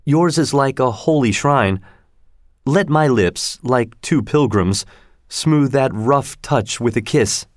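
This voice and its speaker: A man's voice: medium pitch, takes it slowly, no room sound, clean studio sound, natural voice. Romeo, a man voicing a lovestruck young nobleman. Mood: tender. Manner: poetic, earnest.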